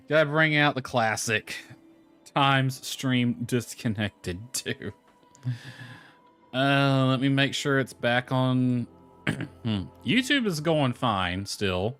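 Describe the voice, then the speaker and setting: A man with a mid-range, slightly bright, clean-toned voice livestreams a video game, chatting casually to himself and reading the in-game text aloud. Lo-fi music plays behind his voice.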